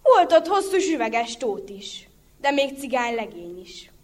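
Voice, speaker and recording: A woman narrating a Hungarian-style folk tale in a lively, rhythmic storytelling manner. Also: on the high side.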